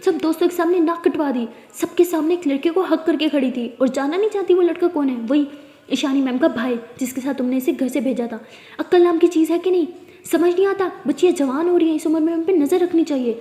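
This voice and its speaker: A woman voicing an angry, strict middle-aged father who shouts and scolds his daughter. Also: sits high, rapid-fire, few pauses, close to an everyday voice. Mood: furious. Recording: echoey room with long reverb.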